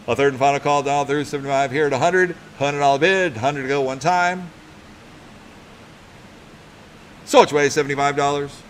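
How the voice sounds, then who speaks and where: A man working as a live auctioneer, calling bids in a rapid, repetitive sing-song chant. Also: on the high side. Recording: clear background noise, live event.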